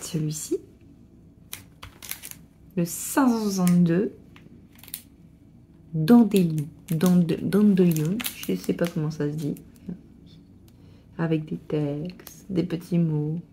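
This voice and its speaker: A middle-aged woman gushing excitedly as she unboxes a craft parcel, with stumbling restarts. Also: lowish voice, slow, long pauses, slight background noise. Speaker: crafting vlogger. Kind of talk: casual unboxing chat.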